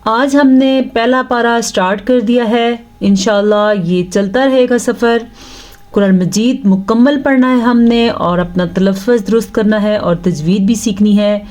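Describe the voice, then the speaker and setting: A woman teaching Quran pronunciation, patiently explaining rules between slow drawn-out recitations. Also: fairly high pitch, a little mellow. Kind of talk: tajweed lesson with recitation.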